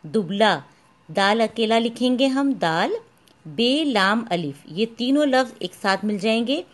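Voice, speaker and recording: A woman's voice: a little high, expressive, a little slow. A woman school teacher giving a patient lesson, spelling out letters one by one and calling her pupils "beta". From Pakistan. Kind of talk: slow, patient classroom instruction.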